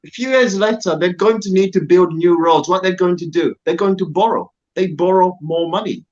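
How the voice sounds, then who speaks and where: The audio is dull, and this Zambian guest's voice sits high with a darkish tone, moving at a moderate pace. Earnest and emphatic, he repeats his key phrases while making a political appeal on an online talk show.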